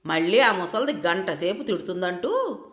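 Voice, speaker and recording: A woman's voice: medium pitch, very animated, moderate pace, a bit bright, roomy sound. A woman voicing an irritated young husband. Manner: snapping, irritated.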